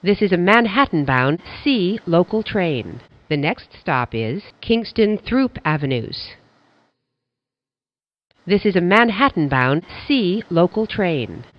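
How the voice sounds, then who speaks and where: In slightly dull, lo-fi audio with no echo, a subway announcer gives formal, scripted transit messages in clipped set phrases. The pace is slow while the pitch moves in lively swings.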